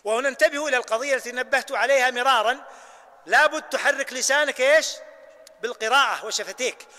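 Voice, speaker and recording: Brisk bright-voiced Najdi sheikh teaching. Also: male voice, very high-pitched. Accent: Najdi Arabic. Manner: demonstrates recitations, drawn-out Quranic readings. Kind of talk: hands-on religious lesson. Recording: hall reverb.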